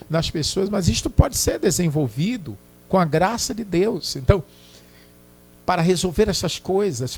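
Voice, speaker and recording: A man's voice: a little high, slightly rough. A man preaching a sermon as pastor, emphatic and repetitive, often checking that listeners follow. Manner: emphatic, repetitive, keeps asking "Entendeu?".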